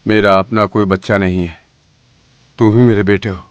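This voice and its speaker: A man's voice: fairly low pitch, steady tone, normal speed, highs cut off, noisy background, lightly acted. A man dubbing a remorseful old uncle. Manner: heavy, apologetic. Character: guilt-ridden older man, uncle.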